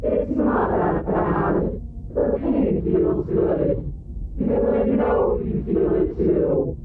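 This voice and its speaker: A woman voicing a menacing otherworldly princess in a video game, slow, accusing and commanding, with a reverberating effect. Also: lowish voice, huge pitch swings, creaky, narrow, tinny audio, background noise, exaggerated voice. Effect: heavy echo, reverberating. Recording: echo-drenched, thin band-limited game voice.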